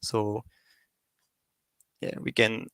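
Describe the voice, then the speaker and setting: A man giving an academic presentation, talking in a halting way with many fillers and restarts. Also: a bit bright, dry recording.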